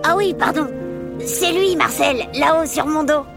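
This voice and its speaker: A woman voicing a cheerful young boy hermit crab in a children's story, excited and chatty. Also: high voice, a little slow, gravelly, over music, pitched above the performer's own voice. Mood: relieved.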